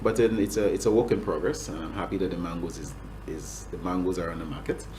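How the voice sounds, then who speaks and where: Answering interview questions as a government agriculture official, a Grenadian man talks fast in a very low voice. He hesitates constantly, stopping, restarting and filling gaps with "um," over a faint hum.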